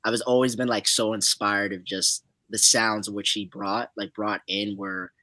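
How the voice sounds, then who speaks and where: A man's voice: on the low side, flat delivery, a little slow, bright, forceful tone, dry recording, poor audio. A young man from Zimbabwe, a guest musician answering interview questions in a loose, laid-back way full of fillers.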